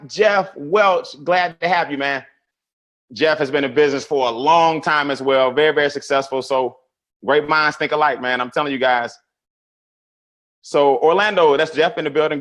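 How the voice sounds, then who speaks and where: A man hosting a live money webinar, greeting viewers by name and telling stories in a casual, animated way. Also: medium pitch. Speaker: webinar host.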